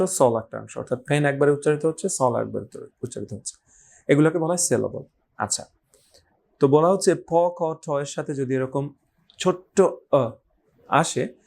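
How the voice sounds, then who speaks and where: A man, teaching English pronunciation and patiently repeating example words slowly. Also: medium pitch, a little mellow. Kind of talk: explanatory lesson.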